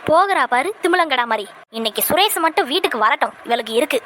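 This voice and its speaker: A woman voicing a shrill scolding mother-in-law. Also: animated, quick pace, a bit bright, slight background noise. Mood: scornful. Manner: accusing, scornful. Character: scolding older mother-in-law, suspicious and sharp-tongued. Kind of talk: cartoon voice acting.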